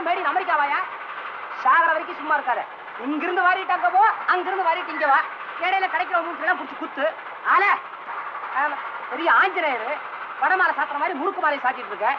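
A mocking, pompous train passenger. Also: male voice, extremely high pitch. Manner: mocking, scolding fellow passengers, mixes in English. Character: pompous ticketless young man on a train. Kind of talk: 1960s film comedy acting. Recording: dull old film soundtrack with hiss.

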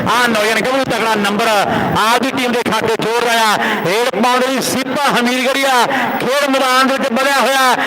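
Guy calling village kabaddi, excited, really high voice, repeats words like chants, loud noise all around. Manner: rapid-fire repetition of words and phrases, chant-like calls. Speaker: kabaddi match commentator. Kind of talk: excited rural live sports commentary. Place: outdoor village sports ground.

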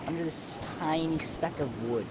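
A man's voice: a little high, moderate pace, noisy background. A man chatting playfully with teammates while playing a game. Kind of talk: casual gaming chat.

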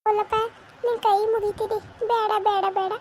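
Scheming village mom, a woman doing her in a skit, whiny and pleading, super high flat voice. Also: fairly quick, a little hiss or hum. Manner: pleading, wheedling. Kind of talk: amateur village skit acting.

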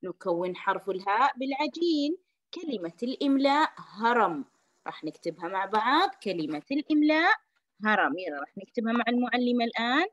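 A woman's voice: on the high side, sing-song, fairly bright tone, no room sound, lo-fi sound. Woman teaching young children. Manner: slow, clear, repeats each phrase for children. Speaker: kindergarten teacher. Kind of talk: recorded lesson for young children.

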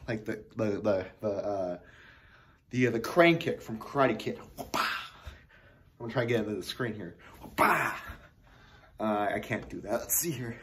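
A man giving a casual soda review to the camera, rambling and excitable, with lots of fillers and restarts. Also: lowish voice, unhurried, pauses often, background noise.

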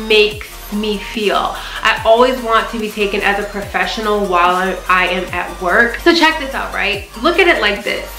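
A young adult American woman, a vlogger and flight attendant, talks casually to camera from a sofa in a small living room. Her voice is a little high and sharp, emphatic and conversational, often punctuated with "right?" to check in with the listener, on a reverberant, low-quality recording.

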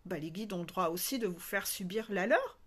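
A woman's voice: mid-range voice, lively intonation, a little fast, breathy edge. A woman spiritual coach talking frankly and animatedly to her viewers, acting out little scenes along the way. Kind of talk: casual monologue to viewers.

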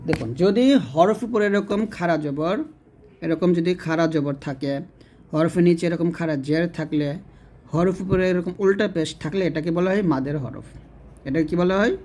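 A man teaching Quran reading step by step, patiently repeating each rule and chanting the sample words slowly. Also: on the high side, darkish tone. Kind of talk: step-by-step spelling lesson.

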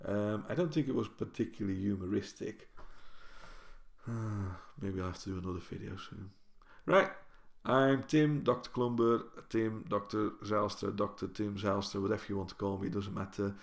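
This casual vlog features a university librarian from the Netherlands, a native Dutch speaker, who rambles, self-corrects and restarts often while talking to camera. He has a lowish voice with vocal fry and speaks at a normal speed. It was recorded indoors in his kitchen on a built-in camera mic at desk distance, leaving a roomy echo.

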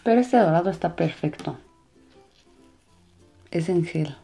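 A woman casually narrating a hands-on craft demonstration for a children's channel in a relaxed, soft-spoken way. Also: fairly low pitch, a little slow, creaky, faint music behind. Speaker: host of a children's slime and makeup channel.

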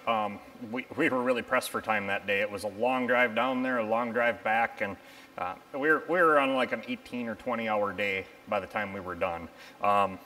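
Recorded on a lapel mic in a machine shop, a man in his thirties who repairs locomotives talks through the job technically and plainly, peppering it with ums and uhs. He has a mid-range, sharp-toned voice, and the recording quality is low.

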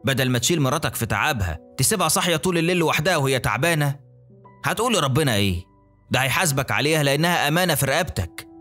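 Casting note: male narrator doing a nagging Egyptian mom in a spoken story, raised pitch, fast talker, music underneath. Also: animated, pushed and bright. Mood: scolding. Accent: Egyptian Arabic. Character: older Egyptian mother, scolding and bossy.

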